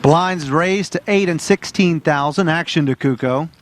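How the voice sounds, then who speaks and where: A man's voice: a little high, unhurried, a little hiss or hum. A man giving plain, matter-of-fact play-by-play on a poker tournament. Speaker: poker commentator.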